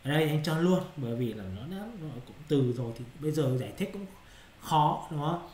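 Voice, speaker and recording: This male English teacher's voice is a little high, a little mellow, and slightly fast, with lively intonation, heard in a reverberant room with slight background noise. He walks through exercise answers in Vietnamese, repeating checking questions to see if students follow.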